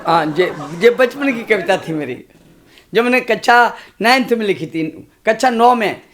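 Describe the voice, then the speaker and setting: A man in his sixties, a comic poet reciting humorous verse on stage in a slow, sing-song way with chatty asides to the audience. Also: sits high, animated, a bit bright, slight background noise. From India. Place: stage at a poetry gathering.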